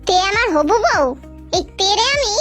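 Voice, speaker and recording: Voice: very high-pitched, big pitch swings, normal speed, over loud music. A voice actor doing a clueless cartoon groom. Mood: puzzled.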